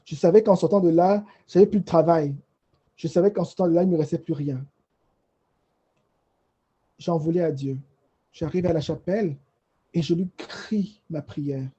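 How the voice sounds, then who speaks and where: A man on a panel telling his personal faith testimony in an emotional, halting way, often repeating phrases. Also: fairly high pitch, dark tone, slightly rough, highs cut off.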